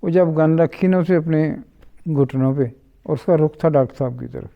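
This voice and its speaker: A middle-aged man talks through his memories at an easy pace, voicing each person in the story as he goes. His voice sits a little high and has a gravelly edge. The recording sounds dull and lo-fi. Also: warm tone. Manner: unhurried, quotes others in dialogue. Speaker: interview guest. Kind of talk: storytelling in conversation.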